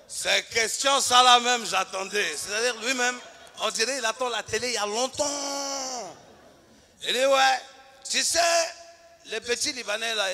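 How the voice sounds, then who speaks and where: A man from Ivory Coast with an Ivorian French accent doing an animated stand-up routine on stage, acting out characters and shouting punchlines. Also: high voice. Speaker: stand-up comedian.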